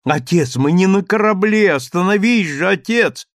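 A man's voice: high-pitched, expressive, slow, dry recording, pitched above the performer's own voice, full character voice. A terrified young woman, voiced by a man reading a storybook, calls out in a raised, pleading voice. The tone is lifted well above his own and stays dry and close. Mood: frantic pleading. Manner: cries out pleadingly.

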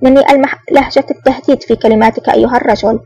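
A woman's voice: fairly high pitch, steady tone, racing, dark tone, husky, lo-fi sound, faint music behind. A woman reading a scheming male secret agent who feigns anger in an audiobook. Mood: mock-angry. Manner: curt, mock-angry. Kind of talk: audiobook narration.

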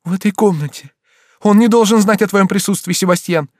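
A man's voice: medium pitch, moderate pace, darkish tone, no room sound, studio quality, lightly acted. A man reading an audiobook, voicing a noble countess and mother who is emotional and rises to cries. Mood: urgent.

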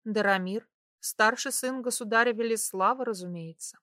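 A woman playing a proud young woman in hiding who answers coolly and with sharp mockery, in an audiobook. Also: fairly high pitch, normal speed, no room sound, studio quality. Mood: guarded. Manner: cool, then sharply mocking.

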